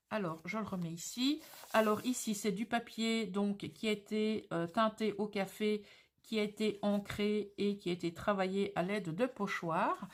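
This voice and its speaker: A woman with a Belgian French accent who hosts a crafting channel and presents craft pieces in a slow, descriptive way with frequent fillers. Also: medium pitch. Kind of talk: presenting craft mail on camera.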